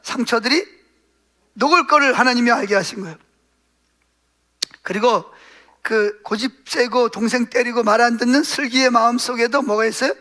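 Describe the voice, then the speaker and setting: A male pastor preaching a sermon, putting questions to the congregation and answering them himself, and acting out quoted prayers in a softer voice. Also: very high-pitched, normal speed, pauses often.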